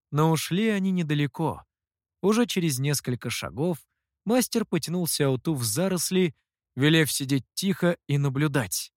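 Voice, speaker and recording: A narrator reading a story aloud in an expressive way. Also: mid-range voice, dry recording, studio quality. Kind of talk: scripted narration.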